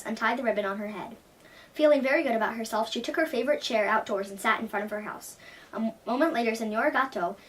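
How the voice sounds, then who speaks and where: A woman storyteller reads a children's folktale with lively expression. Her voice is fairly high and her pace fast. She sounds a bit distant from the microphone. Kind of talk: reading a folktale aloud. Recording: distant from the mic.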